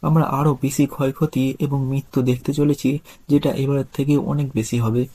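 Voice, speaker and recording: A man's voice: mid-range voice, flat delivery, moderate pace, natural voice. A man reading as a grave old chairman. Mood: somber. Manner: quiet, subdued reading. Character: somber aging male chairman, grave.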